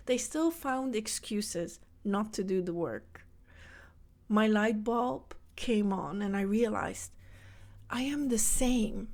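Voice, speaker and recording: Speaking English with a Dutch accent, a woman from the Netherlands whose first language is Dutch offers earnest motivation to mothers as a self-help coach. Her podcast monologue addresses the listener directly, in a fairly high, slightly mellow voice.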